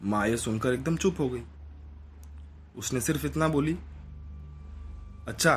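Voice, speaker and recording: A man's voice: mid-range voice, moderate pace, slight background noise. A man telling a horror story in the first person, retelling a woman's encounter. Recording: narration over loud background music. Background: background music.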